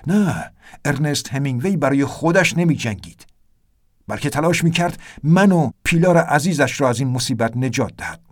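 A man's voice: mid-range voice, expressive. A man narrating an audiobook adventure in a tense, vivid storytelling manner.

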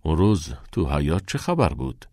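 A man's voice: a bass voice, very animated, creaky, dark tone, no room sound, clean studio sound, voice pushed down, heavily acted. A man voicing an older male headmaster who speaks firmly and condescendingly. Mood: stern. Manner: firm, condescending.

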